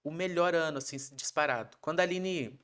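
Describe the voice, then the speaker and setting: Fast-talking Brazilian man telling stories. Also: on the high side, clear, resonant tone. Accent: Brazilian Portuguese. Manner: animated, acts out quoted voices of his wife. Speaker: podcast guest. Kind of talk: casual storytelling interview.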